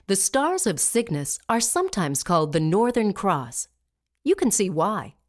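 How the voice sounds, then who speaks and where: A woman reading scripted narration as a smooth museum audio guide, measured and clearly enunciated. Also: medium pitch, very animated.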